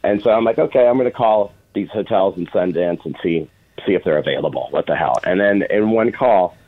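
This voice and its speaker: Interview guest: middle-aged man, low register, informal storyteller, narrow phone-line audio. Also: lively intonation, fairly quick. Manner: informal, quotes past dialogue in anecdotes. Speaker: interview guest, film producer. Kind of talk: casual anecdotal storytelling. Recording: phone-like, band-limited radio sound.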